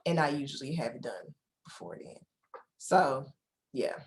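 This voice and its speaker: A woman's voice: a bass voice, animated, unhurried. A woman, a book publisher and editor giving a casual presentation on a video call, chatty and talking straight to her viewers. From Houston, Texas. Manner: chatty, many "like" fillers, talks straight to viewers. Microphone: video call microphone.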